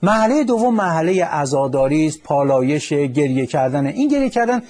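On a radio call-in program, a man working as a psychologist speaks in a calm, teacherly way, dropping in lines of verse now and then. His slightly above-average pitch has a husky texture.

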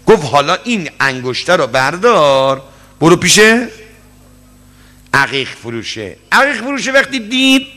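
Preacher guy, high bright voice jumping all over, long reverb like a big hall. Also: sing-song. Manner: dramatic, swings from loud high peaks to low murmurs, acts out dialogue. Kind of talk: sermon storytelling.

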